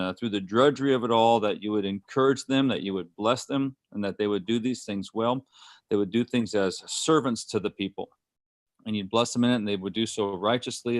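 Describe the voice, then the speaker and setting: A male pastor leads an opening prayer in an earnest, unhurried way, pausing between phrases. His voice sits low, and the sound is dry and close. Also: no echo.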